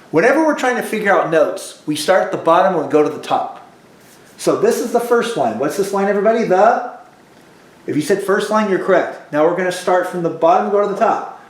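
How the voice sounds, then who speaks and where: Music teacher guy drilling kids on notes, kinda high voice, echoey room. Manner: call-and-response drilling, slow repeated prompts. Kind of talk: recorded music lesson for children.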